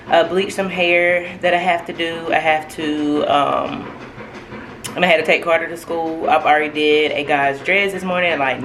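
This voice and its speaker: A young woman talks to her camera at home in a low, dusky voice. She rambles about her day in a chatty, upbeat way, full of fillers. A washing machine hums faintly in the background. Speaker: vlogger. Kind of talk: casual vlog chat. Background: washing machine noise.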